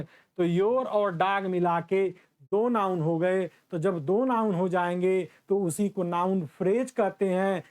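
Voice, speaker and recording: A man teaching a grammar class as the teacher, drawing out example sentences slowly and calling his students his children. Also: sits high, darkish tone.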